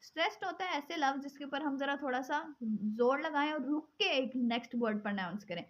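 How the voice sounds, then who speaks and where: A woman teaching English poetry forms, switching between Hindi-Urdu and English and reading English definitions slowly. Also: high-pitched. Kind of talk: explaining poetry forms in a lesson. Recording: dull lo-fi sound.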